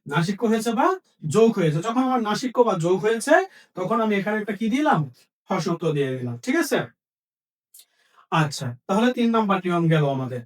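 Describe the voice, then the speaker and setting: A man's voice: high voice, animated, fast, long pauses, recorded from a distance. A man teaching a language lesson, asking questions and then answering them himself, repeating each key point. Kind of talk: Bengali grammar lesson.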